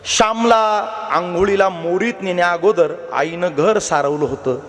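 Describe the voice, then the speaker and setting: A man's voice: high voice, measured pace, a bit bright. A man preaching a devotional kirtan sermon, telling a story, repeatedly urging his listeners to listen and acting out the characters' voices. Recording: long reverberant hall.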